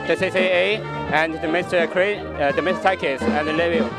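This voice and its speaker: A man giving a live interpretation for a diplomat in a news interview, halting and restarting with loose grammar as he translates on the spot. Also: fairly high pitch, steady tone, vocal fry, loud music behind the voice.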